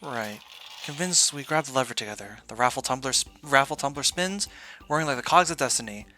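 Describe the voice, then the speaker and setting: A man's voice: mid-range voice, brisk, pushed and bright, soft background music. A man streaming a video game, reading story text aloud and adding casual commentary.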